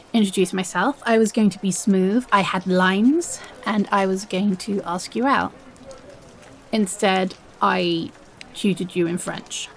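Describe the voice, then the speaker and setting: A woman playing a shy, nervous young woman in an audio role-play, speaking haltingly and putting herself down as she confesses a crush. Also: mid-range voice. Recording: faint background noise.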